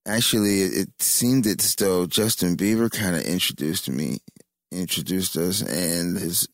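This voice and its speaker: A man guest telling a story casually, halting with many um's. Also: low-pitched, no room sound. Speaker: songwriter guest.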